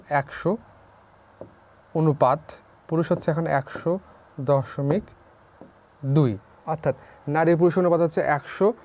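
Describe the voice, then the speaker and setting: Young male tutor with a somewhat high voice for a drill-style online lesson. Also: a little mellow. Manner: repeats key figures as questions to students. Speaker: teacher. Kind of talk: online class lecture.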